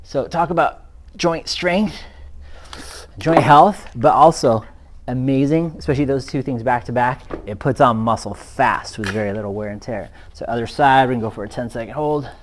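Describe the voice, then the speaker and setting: A man in his twenties or thirties leads a workout demo, talking through each exercise while he performs it. His voice sits at an everyday middle pitch and grows loud and pushed during the hard efforts. He sounds short of breath from the exertion. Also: moderate pace, slight background noise. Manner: energetic, explaining while exercising, gets louder during effort. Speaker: fitness coach. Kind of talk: demonstrating a workout on camera.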